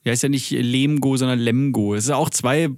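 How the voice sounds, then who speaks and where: A man's voice: medium pitch, fairly even intonation, quick pace, dry recording, clean studio sound. A man from Germany chatting casually as a podcast co-host, rambling, losing his thread and joking crudely. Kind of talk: casual chat.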